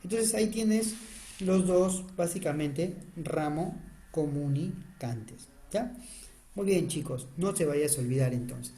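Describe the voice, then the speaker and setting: An online anatomy lecture is delivered by a man with a high-pitched, dark-toned voice who speaks unhurriedly while drawing on a diagram. Urgently, he keeps asking students to pay attention, firing off questions he answers himself.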